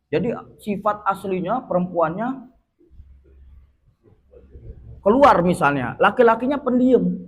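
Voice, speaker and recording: Lively male Islamic teacher. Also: sits high, slight background noise. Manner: lively, jokes and laughs with audience. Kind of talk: religious study talk.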